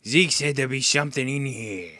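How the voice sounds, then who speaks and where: Streaming a stealth game, a man offers casual commentary in a pushed, bright voice of medium pitch at normal speed, with no room sound. His failures bring on swearing, frustrated outbursts and laughter at himself.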